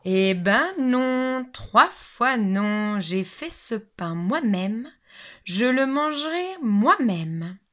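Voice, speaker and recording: A woman's voice: sits high, expressive, moderate pace, voice pushed up. A woman voicing a cheerful, hardworking little red hen who calls out to her friends in a storybook reading. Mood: firm refusal. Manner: bright, calling out to friends.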